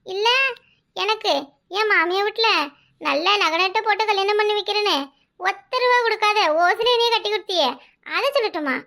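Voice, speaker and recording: In a comic cartoon, a performer gives a full character voice that is very high-pitched, gravelly, pushed and bright, at a moderate pace. The character is a sly, wheedling adult village daughter with a Kanyakumari Tamil accent who asks things in a mock-innocent way.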